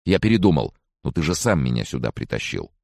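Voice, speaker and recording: A man voicing a panicky, defensive young man with shrill, indignant outbursts, as an audiobook character voice. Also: sing-song, quick pace, vocal fry, darkish tone, no echo, clean studio sound, exaggerated voice.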